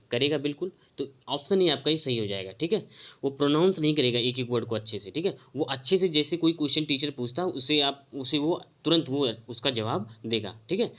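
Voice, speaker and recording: A man of middle pitch walks students through an exam-prep lesson. He explains each answer in Hindi laced with English terms and reads the answer options out slowly. He keeps checking in with his listeners as he goes. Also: a bit bright. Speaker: teacher.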